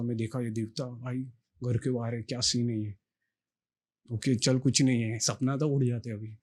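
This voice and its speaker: A man's voice: mid-range voice, a little mellow. Earnest young man telling a rambling story. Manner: earnest, rambling, with many restarts and fillers. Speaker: podcast guest. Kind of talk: casual storytelling interview.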